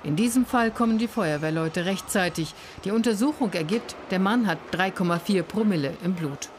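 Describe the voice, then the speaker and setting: A woman reading scripted documentary narration in an even, factual way. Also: medium pitch, normal speed, a little hiss or hum.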